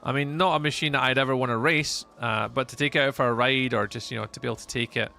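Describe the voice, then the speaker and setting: A Scottish man livestreams a game, rambling casually with his live chat, packing his speech with fillers and restarts. His medium-pitched voice is steady, fast and sharp-toned, with vocal fry.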